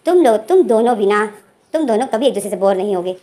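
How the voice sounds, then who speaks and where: A woman's voice: medium pitch, lively intonation, fast, warm tone, lightly acted. A woman voicing a playful middle-aged mother who teases and scolds her son in a retold romance story. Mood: teasing.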